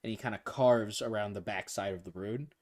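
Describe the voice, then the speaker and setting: A man's voice: fairly low pitch, a little fast, darkish tone. A young man running a tabletop game as game master, narrating loosely with fillers and chuckles.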